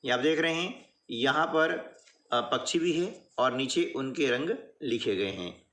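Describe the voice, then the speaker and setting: Guy teacher going real slow, bright voice, keeps checking you got it. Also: medium pitch, lively intonation. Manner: patient, repeats "है ना" and "ठीक है" often. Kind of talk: slow classroom explanation.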